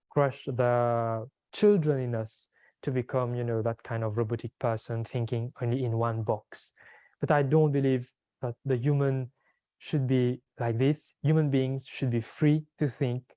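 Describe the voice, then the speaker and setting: Young Mauritian man, mellow earnest speaker. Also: medium pitch, dry recording. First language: Mauritian Creole. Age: 20s. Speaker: language advocate and conference speaker. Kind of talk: informal public talk.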